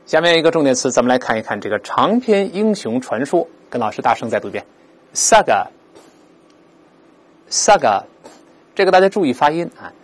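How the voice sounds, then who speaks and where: Animated male teacher drilling vocabulary. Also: medium pitch. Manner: drills pronunciation, repeating words slowly aloud; explains with lively rhetorical questions. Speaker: English teacher. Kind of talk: vocabulary lesson.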